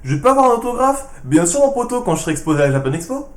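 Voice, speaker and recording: A man answering fan questions in a casual vlog, with dry, sarcastic replies in a hushed voice. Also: very high-pitched, sing-song, rapid-fire, reverberant.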